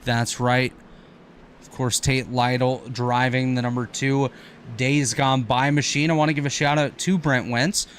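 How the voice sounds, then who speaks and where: Energetic male racing play-by-play caller. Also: medium pitch, slight background noise. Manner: rapid, energetic play-by-play with quick self-corrections. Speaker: play-by-play commentator. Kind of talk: sim racing commentary.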